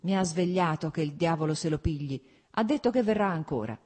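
A woman's voice: low-pitched, expressive, brisk, a little mellow. A woman voicing a scruffy, hungover young officer who jokes and teases in a mock-solemn way. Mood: grumpy sleepy.

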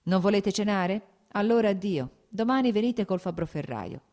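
A woman's voice: mid-range voice, lively intonation, moderate pace, a little mellow, voice pushed up, lightly acted. A woman reading an audiobook, voicing a gloomy male visitor who answers curtly and sullenly. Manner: curt, sullen.

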